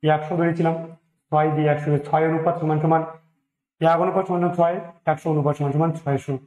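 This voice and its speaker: A man with a Bengali accent walks through percentage sums aloud as a maths teacher. He counts each step and mixes in English number words. His voice sits a little high for a man, and the room around him rings with echo. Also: little pitch movement, fast, a little mellow. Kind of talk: exam-prep maths lesson, working problems aloud.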